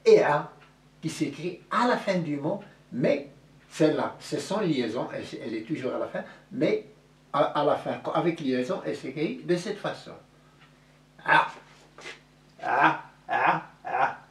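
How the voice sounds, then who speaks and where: A man teaching Arabic letters in French, speaking slowly and repeating each sound several times over. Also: fairly high pitch, animated, a bit bright. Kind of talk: slow classroom-style letter lesson. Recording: echoey room, voice from a distance.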